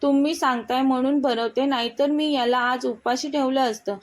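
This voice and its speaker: A woman's voice: high-pitched, steady tone, normal speed, natural voice. A woman reading the lines of a young wife and mother who scolds fondly, in a storybook tale. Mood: annoyed. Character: young wife and mother, fond but easily exasperated.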